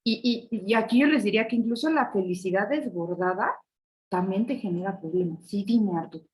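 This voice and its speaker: This time the audio is poor, and the same leadership session speaker sounds fairly quick, with a mid-range, darkish tone. Her online lecture stays conversational as she tags points with questions and laughs.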